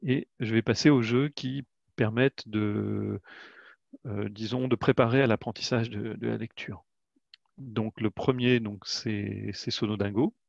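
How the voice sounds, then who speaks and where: Hesitant man with a gravelly voice. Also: fairly low pitch, fairly even intonation, measured pace, no echo. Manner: hesitant, frequent "euh" fillers and restarts. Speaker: educational game creator presenting. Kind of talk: webinar product presentation. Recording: dull lo-fi webinar audio, dry.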